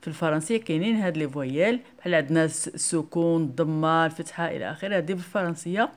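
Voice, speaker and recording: A woman teaching a primary school lesson, hesitant with many fillers and slowly drilling syllables aloud. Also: low-pitched. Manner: hesitant, many fillers, switching into Moroccan Arabic. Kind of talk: slow spoken lesson for children.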